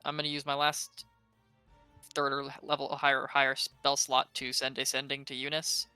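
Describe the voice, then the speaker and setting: A man playing a tabletop game, talking casually and eagerly and thinking aloud with quick restarts. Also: mid-range voice, completely flat delivery, pushed and bright, clear, resonant tone, no room sound, soft background music. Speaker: player.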